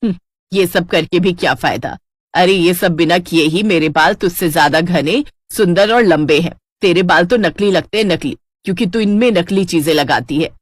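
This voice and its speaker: Woman doing a scolding mother-in-law, low. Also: moderate pace, no room sound, studio quality, close to an everyday voice. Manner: scolding, vengeful. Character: sharp-tongued middle-aged mother-in-law. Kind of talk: storybook character voice.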